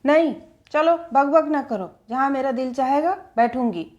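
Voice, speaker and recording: A woman playing a quick-tempered young woman student, scolding, irritated, fairly high voice, storybook. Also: a little mellow, dull audio, lightly acted.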